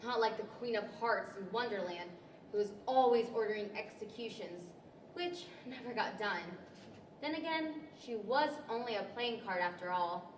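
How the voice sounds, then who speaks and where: A woman's voice: mid-range voice, normal speed, lightly acted. A young woman playing Alice, a polite, curious, eager storybook girl, in earnest, old-fashioned radio-play style. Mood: musing, curious. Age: young adult. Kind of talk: 1940s radio-style stage acting. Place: library event room, indoors, live stage. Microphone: stand microphone. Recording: roomy hall with faint noise.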